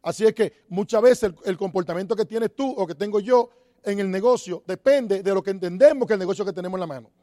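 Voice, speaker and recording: A man's voice: high voice, fast, warm tone, dry recording, clean studio sound. A man giving a motivational talk on network marketing, asking the audience rhetorical questions and repeating key phrases. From Dominican Republic.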